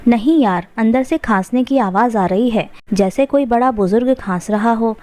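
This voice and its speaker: A woman's voice: a little high, normal speed, warm tone, dry recording, lightly acted. A woman voicing a curious, chatty female friend in a narrated story. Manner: nosy, familiar.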